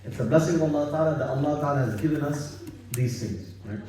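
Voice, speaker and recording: A Bangladeshi man with a slightly high, mellow voice talks fast during an Islamic study circle at a private home, keeping it conversational and repetitive while checking for agreement through tag questions. There is slight hiss or hum, an echoey room, and a distant mic.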